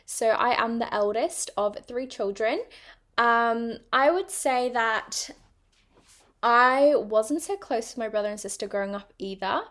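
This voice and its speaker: This young adult podcast host speaks in a slightly high, fairly bright voice, taking her time. She carries a partly British accent mixed with international traits and rambles casually about herself, dropping plenty of ums and likes.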